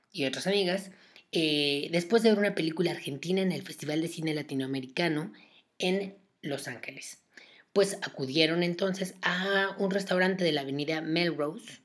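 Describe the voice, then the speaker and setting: A woman with a Mexican Spanish accent, hosting a podcast and telling a story in casual, sarcastic chat full of asides and fillers. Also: low voice. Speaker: podcast host.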